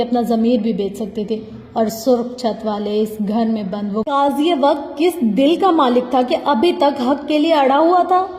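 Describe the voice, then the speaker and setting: A woman's voice: high-pitched, warm tone. A woman reading a novel aloud as a first-person narrator, intense and heartfelt, in an echoey room with a long reverb. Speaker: audiobook narrator.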